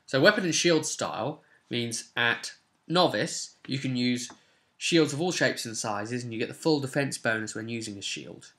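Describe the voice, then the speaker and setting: A tabletop roleplay channel host, in his twenties, casually covers game rules and reads sections aloud while recorded at a desk in a small home room. He has a medium-pitched voice with a fairly bright tone and a moderate pace.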